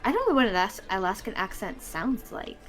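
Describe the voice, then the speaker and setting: Lively woman tabletop player. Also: mid-range voice, a little fast, music in the background. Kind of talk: casual chat.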